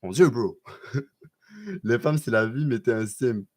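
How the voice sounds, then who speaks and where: A man with a Québécois French accent chats casually on a live stream, answering viewers in a loose, slangy way with lots of quick restarts. His voice sits at a medium pitch.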